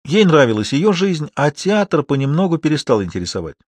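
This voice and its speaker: A man narrating a novel in an even, measured reading. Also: fairly high pitch, no echo. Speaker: audiobook narrator. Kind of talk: scripted narration.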